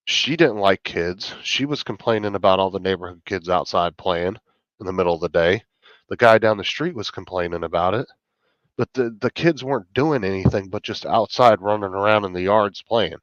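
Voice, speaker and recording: A middle-aged man chatting casually on a live stream, blunt and heavily profane as he rants. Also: fairly low pitch. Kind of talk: casual chat. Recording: muffled, echoey room sound.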